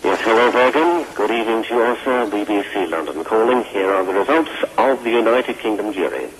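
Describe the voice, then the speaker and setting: Brisk formal man over a hissy line. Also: lowish voice, expressive. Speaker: jury spokesperson. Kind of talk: formal broadcast announcement. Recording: distant broadcast line with hiss and hall reverb.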